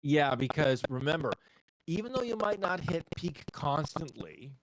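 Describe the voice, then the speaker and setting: A man's voice: fairly high pitch, very animated, normal speed. Man on a clipping, crackly mic. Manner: explains patiently, with stops and restarts. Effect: clipping, crackly distorted mic. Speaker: podcast co-host. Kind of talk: casual tech chat over a call.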